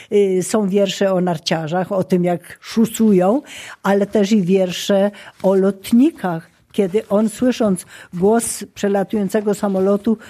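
A woman who teaches Polish literature, speaking in a measured way with frequent hesitation sounds in a documentary interview. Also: medium pitch, mellow.

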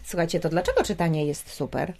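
A woman hosting a studio conversation with children, asking questions and chiming in with quick encouraging remarks. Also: sits low, sing-song, gravelly, heavy background noise. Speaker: radio host talking with children. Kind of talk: lively studio conversation with kids.

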